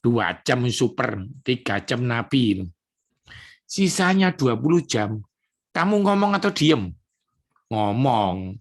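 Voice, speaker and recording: A male pastor delivers an evening prayer sermon. He preaches emphatically, turning from solemn scripture reading to loose, conversational asides to the congregation. His voice sits at a middle pitch for a man. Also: very animated, slow, long pauses.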